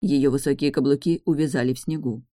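A woman narrating a first-person audiobook in an even storytelling manner. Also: extremely low pitch, a little fast, no echo, clean studio sound.

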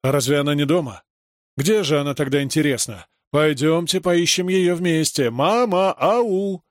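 A man's voice: on the high side, moderate pace, no room sound, clean studio sound, close to an everyday voice. A man reading aloud and voicing a panicking husband who puts on a false cheerfulness. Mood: false cheer. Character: panicking husband faking calm.

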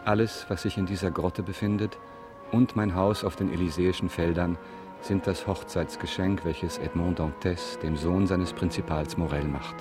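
An actor playing a grave, courteous, mysterious count in a German radio drama, speaking formally and with measured solemnity. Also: male voice, low-pitched, steady tone, lightly acted. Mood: solemn, reflective. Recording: music behind the voice.

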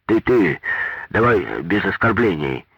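A male reader voices a gray-haired road-works foreman who grumbles back defensively. His voice is husky. The sound is dull and dry. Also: sits low, big pitch swings, unhurried, dry recording, heavily acted.

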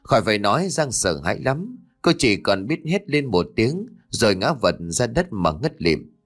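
A man's voice: medium pitch, moderate pace. Man narrating a ghost story, music behind. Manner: lively, voices each character himself. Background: soft background music.

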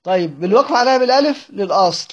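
A man's voice: sits high, animated, rapid-fire. A man with an Egyptian accent teaching a class, reading from a text and explaining each point step by step, asking questions and answering them himself. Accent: Egyptian Arabic. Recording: muffled lo-fi recording.

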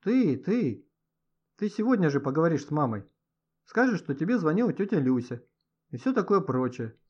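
Male reader doing a brash slangy teen ringleader, lively pitch, husky, lo-fi audio. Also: moderate pace. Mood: cocky, brash. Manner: cocky, blunt, slangy. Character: brash bossy teenage boy ringleader. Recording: dull lo-fi audio.

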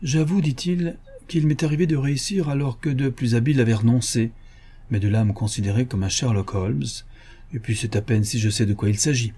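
A man voicing a calm, self-assured gentleman detective in an audiobook, explaining his reasoning in a slightly dogmatic tone. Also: medium pitch, fairly quick, slightly rough, lightly acted. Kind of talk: audiobook character reading.

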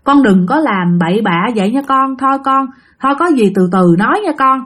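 A frightened elderly mother-in-law, as a woman storyteller puts her on, begging in a soft, hushed voice. Her tone is fairly high and moves up and down as she pleads. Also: animated, a little fast. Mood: pleading. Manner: pleading softly.

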